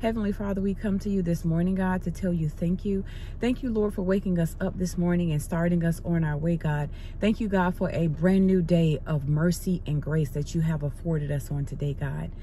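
Middle-aged woman, lower voice, upbeat car vlogger who prays in rhythmic repeated phrases, recorded on a dashboard phone with a faint hum behind. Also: fairly even intonation, normal speed, mellow. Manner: upbeat, encouraging, repeats phrases in prayer cadence. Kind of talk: casual car chat and spoken prayer. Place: parked car interior. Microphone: phone camera on the dashboard.

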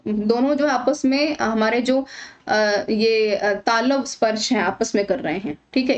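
A woman teaching an exam-prep grammar lesson, patiently asking questions and answering them herself. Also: sits high.

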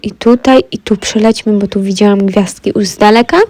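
A let's play gamer, congested with a cold and a stuffy throat, chats directly to viewers during casual gameplay commentary. Her medium-pitched, darkish voice is brisk with fairly even intonation.

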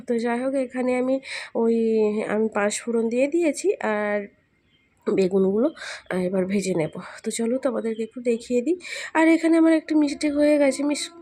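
A young woman with a sore, hoarse throat, chatting casually through her cooking voice-over. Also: fairly high pitch, warm tone, no room sound. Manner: rambling, homely, talks to viewers as friends. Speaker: cooking vlogger.

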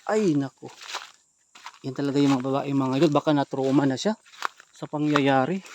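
Breathless man hunting ghosts on a mountain, jumpy vlog host, hushed one moment and shouting the next. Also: mid-range voice, moderate pace, slight background noise. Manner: excitable, swings between hushed talk and alarmed shouts. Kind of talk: casual vlog narration. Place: outdoors on a mountain at night.

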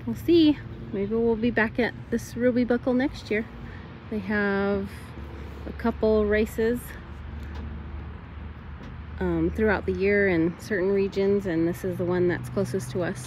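A middle-aged woman with a mid-range voice hosts a ranch vlog as a horse trainer and barrel racer, speaking informally and plainly to her audience. Filming shifts among fields, a parking lot, a vehicle, and a tack room, shot on a handheld camera or phone at arm's length. The recording is low quality, with a bit of background noise.

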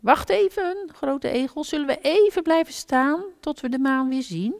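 A woman voicing a small, curious young male hedgehog with an eager, high and wondering voice in a storybook reading. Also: lively intonation, moderate pace, gravelly, darkish tone, no room sound, clean studio sound, big-room sound.

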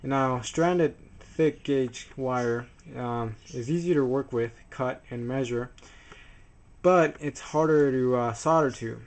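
A man explains a hands-on DIY task in a casual, stop-start way, fixing his own wording as he goes. His voice is medium-pitched.

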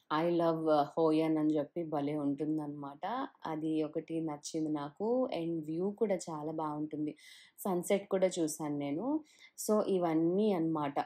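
A woman with a low, mellow voice talks through a walking tour on her phone. Her delivery is chatty and loose, sprinkled with English words and drawn-out "ahh"s. She is outdoors by a river. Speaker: travel vlogger. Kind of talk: casual walking-tour narration. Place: outdoors along a riverside town walk.

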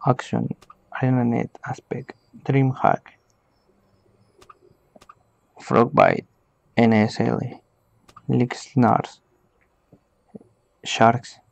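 Gravelly esports caster. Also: male voice, mid-range voice, a little mellow, no echo, lo-fi sound. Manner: hurried play-by-play, talking to viewers. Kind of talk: live game commentary. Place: at home.

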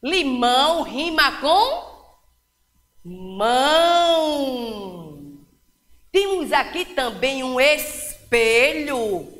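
Woman teacher for young children, high and lively, very slow sing-song reading, echoey hall.

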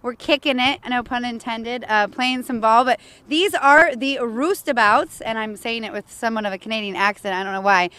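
A woman's voice: a little high, steady tone, brisk, hardly any pauses, sharp tone, smooth. A woman doing a chatty, upbeat live TV field report outdoors and interviewing fans. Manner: upbeat, chatty, asks questions. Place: outdoors at a stadium area.

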